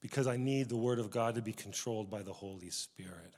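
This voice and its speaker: A man preaching a sermon as a pastor, animated, swinging from hushed, intimate moments to loud, emphatic ones. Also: lowish voice, fairly quick. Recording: long echo of a church hall.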